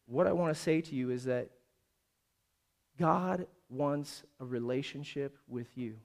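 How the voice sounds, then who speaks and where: A man with a notably high voice preaches a sermon, telling a story and then climbing into loud, pleading calls. He swings between quiet, conversational stretches and near-shouted appeals. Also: moderate pace, creaky. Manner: storytelling preacher who builds to loud, high-pitched exhortation. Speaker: pastor. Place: church service.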